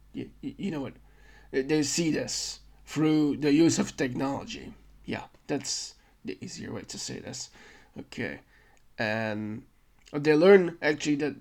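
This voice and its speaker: Slow, rambling man recapping a movie. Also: mid-range voice, a little mellow. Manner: rambling, self-correcting, stammers on restarts. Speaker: podcast host.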